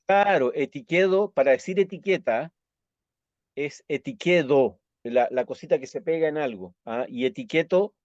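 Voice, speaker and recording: A Chilean man who teaches Esperanto explains a slide-based lesson in a fairly high, darkish voice with a Chilean Spanish accent. He's patient and checks understanding with quick tag questions, and the recording is muffled and dry with no echo.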